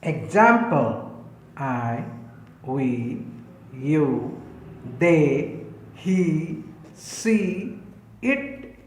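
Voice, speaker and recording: An Indian man teaching a grammar lesson at a very slow, dictating pace. His voice sits high, and he repeats each definition before asking whether it is clear. The sound is echoey, like a bare room. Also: big pitch swings. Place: online class recording in a room.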